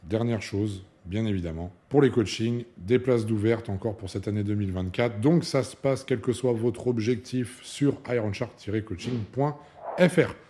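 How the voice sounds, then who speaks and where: A man's voice: fairly low pitch, normal speed, warm tone. A young man, a fitness coach, talking casually to camera, chatty and emphatic, with many fillers and asides.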